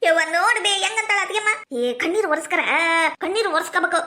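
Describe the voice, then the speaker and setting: A woman with a North Karnataka accent runs through a village comedy skit in a very high, piping voice. She rattles along at a quick clip, scolding and teasing like a neighbour in a busy household. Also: bright, forceful tone. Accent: North Karnataka Kannada. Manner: rapid, chiding village banter.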